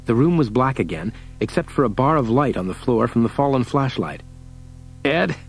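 A man narrating an audiobook in a steady, measured reading. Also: medium pitch, faint music behind, poor audio. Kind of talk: scripted narration.

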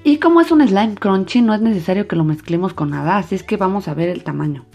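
A woman hosts a casual craft vlog for children. She talks in an excited, chatty way at a medium pitch, explaining as she goes. Faint music plays behind her voice. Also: quick pace, vocal fry. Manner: excited, chatty, addressing young viewers. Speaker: host of a children's slime channel.

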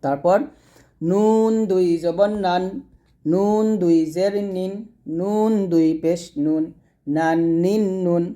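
A man from Bangladesh teaching Quran reading, spelling out letters and vowel marks slowly in drills before speaking more quickly to his viewers. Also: high voice, dark tone. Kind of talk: slow drilled recitation lesson.

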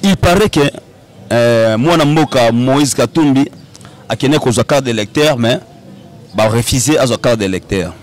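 A young man hosting a casual interview outdoors on a handheld mic, animated and quick to interject. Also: medium pitch. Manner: animated, interjecting, laughs often. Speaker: host. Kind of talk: casual interview in French and Lingala. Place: outdoor courtyard set.

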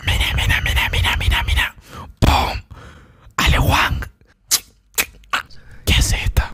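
A man's voice: takes it slowly, pushed and bright, no echo, studio quality. Whispering Argentine man streaming ASMR. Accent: Argentine Spanish. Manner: joking, breaks into playful outbursts. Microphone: desk microphone.

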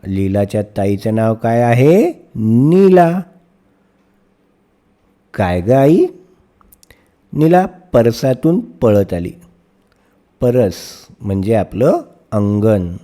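Slow, mellow man teaching a story. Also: fairly low pitch, very animated. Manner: storyteller who pauses to question young pupils. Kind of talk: reading a story aloud and explaining it to children.

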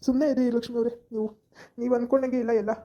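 A woman acting as a remorseful young husband who weeps as he talks, breaking off and restarting his words. The voice is deep-toned and mellow, the lines tumbling out fast. It is a homemade village drama. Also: level tone, highs cut off, lightly acted. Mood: tearful. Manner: halting, stammering pleas. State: crying. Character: grieving young husband, guilt-ridden, fleeing.

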